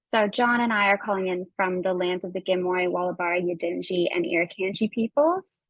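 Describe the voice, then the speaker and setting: Over a video call, a woman with a Canadian accent runs an online workshop for participants as its host and facilitator, chatting in a friendly, casual way. She speaks briskly in a lowish voice, recorded dry with the highs cut off.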